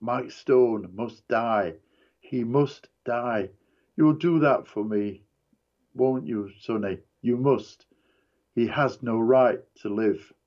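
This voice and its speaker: A man voicing a drugged, despairing man who talks softly in a thick, slurred, tired monotone. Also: mid-range voice, slow pace, pauses often, dull audio, close to an everyday voice. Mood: quiet insistent.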